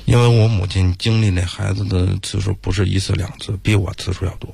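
A middle-aged man from the Beijing area, a taxi driver guest on a radio talk show, speaking in a plain, halting, matter-of-fact way. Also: low voice, steady tone, creaky, warm tone, breathy edge. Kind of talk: radio interview.

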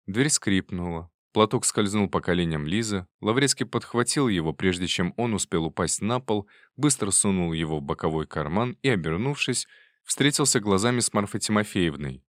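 A man reading literary fiction aloud as an audiobook narrator, measured and even. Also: deep voice, dry recording, clean studio sound. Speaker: audiobook reader.

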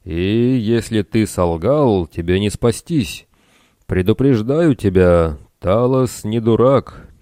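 A booming metallic bronze giant, as a man reading a story puts him on, slow and threatening. The voice sits very low and dark, but stays smooth and clear. It is recorded close and dry, with no room behind it. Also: expressive, no echo. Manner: slow, loud, threatening delivery. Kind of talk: audiobook narration with character voices.

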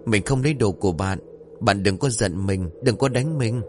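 A man's voice: on the low side, moderate pace, noisy background, lightly acted. A man voicing a timid sleepwalking boy who mumbles and pleads, with faint music behind. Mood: dazed.

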